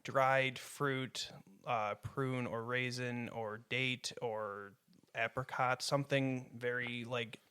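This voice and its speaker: Mid-pitched male co-host, easygoing, wry, talks through tasting notes. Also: fairly even intonation, slow, sharp tone, clean tone. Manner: wry, descriptive tasting talk. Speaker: podcast co-host. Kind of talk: casual chat.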